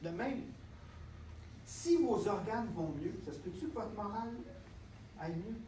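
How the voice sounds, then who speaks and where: High-voiced man with a Quebec accent. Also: a little slow, slight background noise. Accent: Quebec French. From Canada. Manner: lively, checks in with the audience constantly. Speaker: health speaker. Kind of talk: live seminar talk to an audience. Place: lecture room with audience. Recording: echoey room, distant mic, faint ambience.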